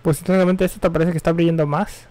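A man's voice: a little high, steady tone, fast talker, a little mellow, no echo. A young man chatting casually and rambling with slang while he streams a game. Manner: rambling, offhand, slangy and self-correcting. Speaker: gaming streamer. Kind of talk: casual live-stream chat while gaming.

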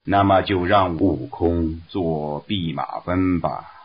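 A man voicing a stern male heavenly emperor who speaks slowly and deeply in a read-aloud story. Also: slightly rough, exaggerated voice. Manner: slow, deep and measured. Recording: dull lo-fi recording.

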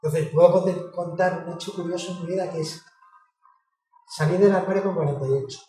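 A woman, talking in a casual interview. She speaks frankly, swears and gets animated when she tells stories. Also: on the low side, a little fast. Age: 50s. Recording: roomy, distant mic with music behind.

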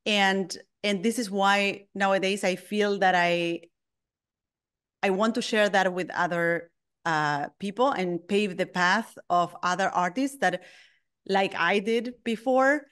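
Thoughtful Argentine woman with a smooth voice. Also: medium pitch, slow, fairly bright tone. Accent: Argentine Spanish. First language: Spanish. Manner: thoughtful, frequent restarts and ums. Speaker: guest, lettering artist. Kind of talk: reflective interview answers.

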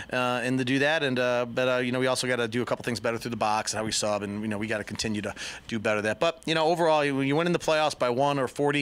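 A middle-aged man, a head coach, giving rapid run-on postgame answers full of fillers, outdoors at a field at night into a handheld mic. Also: mid-range voice, a bit bright, clean tone. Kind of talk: postgame interview. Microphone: handheld mic held by interviewer.

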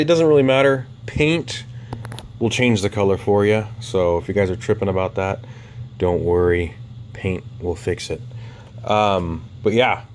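Guy with a lowish voice rambling thru his rc wing kit, lots of ums, faint hiss behind. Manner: rambling, many ums, talks while handling parts. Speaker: RC hobbyist showing a flying wing kit. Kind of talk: casual hands-on walkaround.

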